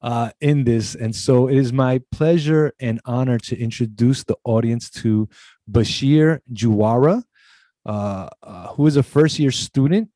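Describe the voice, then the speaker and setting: A man hosts a college talk show over a video call, introducing guests with earnest formality. His tone is warm and dark rather than bright. The sound is dry, with no room echo. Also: mid-range voice, unhurried. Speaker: show host.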